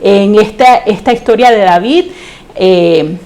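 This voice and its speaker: A woman with a Panamanian Spanish accent preaching an online church sermon in an earnest way, slowing down when she reads scripture aloud. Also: medium pitch, mellow.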